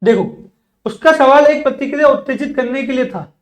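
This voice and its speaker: A spoken English teacher with a very high voice explains vocabulary to his class in Hindi, then carefully and slowly pronounces each English example, often repeating words and quizzing students in return. The bilingual lesson is recorded lo-fi with a roomy sound.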